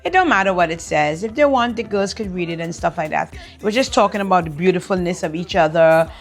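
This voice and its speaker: A woman in a relaxed manner, explaining something to her viewers in a vlog. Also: on the low side, a little fast, soft background music. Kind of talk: vlog talk to camera.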